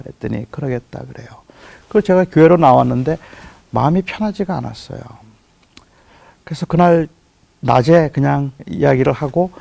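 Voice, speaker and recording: A middle-aged man preaching a sermon, telling a personal story in a soft, hushed voice that rises to impassioned pleading. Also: medium pitch, creaky, dry recording. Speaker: pastor.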